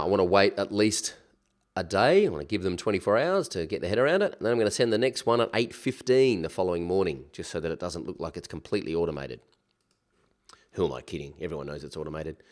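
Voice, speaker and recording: A man with a low-pitched voice walks through a software task in a casual, chatty way. He sounds stuffed up from a cold, with a nasal, pinched-nose tone. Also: animated, quick pace. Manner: chatty, informal, with slangy asides. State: recovering from a cold. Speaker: software tutorial instructor. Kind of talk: casual screen-share tutorial.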